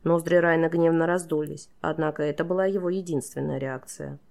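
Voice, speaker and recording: Low-voiced woman for steady, expressive fantasy audiobook narration. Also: fairly quick, gravelly.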